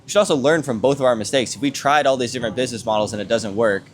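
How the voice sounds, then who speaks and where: A man's voice: mid-range voice, rapid-fire. A man co-hosting a casual motivational podcast, posing rhetorical questions and often checking his points with a tag question. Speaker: podcast co-host. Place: outdoors on a villa balcony.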